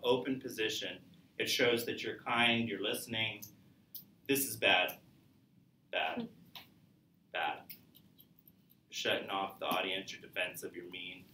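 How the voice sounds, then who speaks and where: A man's voice: lowish voice, bright, forceful tone, recorded from a distance, a little hiss or hum. A man teaching a public speaking class, lecturing conversationally and asking students questions. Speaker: college speech instructor. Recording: echoey classroom recorded from afar.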